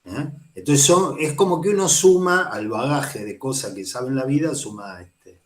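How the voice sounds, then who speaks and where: A man's voice: medium pitch, animated, moderate pace, roomy sound. A man with an Argentine accent giving a casual, digressive university lecture on psychoanalysis, often checking in with "¿sí?". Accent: Argentine Spanish. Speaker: psychoanalysis teacher.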